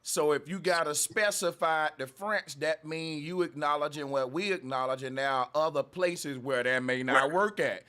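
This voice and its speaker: A man with a somewhat high voice and argues in a casual panel debate. He talks over others, repeating phrases to hold the floor. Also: normal speed, hardly any pauses, pushed and bright, clear, resonant tone. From United States. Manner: interrupts, emphatic, repeats phrases.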